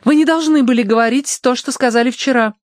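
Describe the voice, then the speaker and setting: A man's voice: fast, no echo, clean studio sound. A man voicing a haughty, imperious young rich lady who scolds and commands her servant. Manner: shrill, commanding, indignant.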